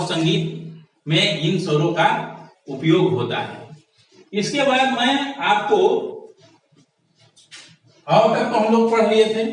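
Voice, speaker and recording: A man teaching a lesson, explaining step by step and asking questions that he answers himself. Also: high voice. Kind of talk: classroom lesson. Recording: very echoey room, voice from a distance.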